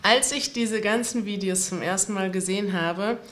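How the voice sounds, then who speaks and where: Earnest woman host over soft music. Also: mid-range voice, moderate pace. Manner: earnest, emotional, reflective. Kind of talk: heartfelt address to viewers.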